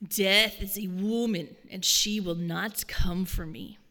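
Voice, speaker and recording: Picture a proud old man declaring that death fears him, solemn and boastful, his words ringing through a large hall, with a woman speaking them for him. The voice carries bright and forceful. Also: mid-range voice, fairly even intonation, slow. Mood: defiant.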